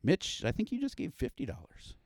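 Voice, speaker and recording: A man's voice: on the high side, huge pitch swings, fairly quick, a little mellow, no room sound, clean studio sound. A man hosting a casual podcast, rambling with fillers and restarts. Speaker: podcast host.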